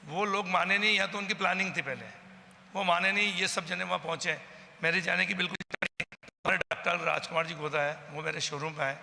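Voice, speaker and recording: Gravelly man recounting an incident. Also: high-pitched, fairly even intonation, brisk, bright, forceful tone, in a large hall. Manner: agitated storytelling, acting out the quoted exchanges. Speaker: eyewitness from the local community. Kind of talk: personal account to a news camera.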